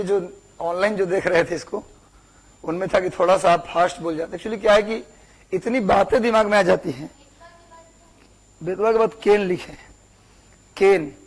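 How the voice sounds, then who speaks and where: High-voiced teacher dictating. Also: male voice, low-quality recording. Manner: repeats words for dictation; asks the class questions. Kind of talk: classroom lecture.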